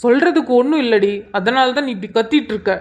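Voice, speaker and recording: A woman voicing a hot-tempered young husband in a cartoon drama, scolding and sharp. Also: a little high, fast talker, close to an everyday voice. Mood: angry. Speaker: cartoon character voice.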